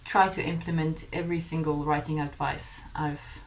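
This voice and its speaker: A young vlogger whose first language is Afrikaans tells her own story in a candid, self-deprecating confessional vlog, laughing partway through sentences. Her voice sits low with a level tone at normal speed, over slight background noise and faint music.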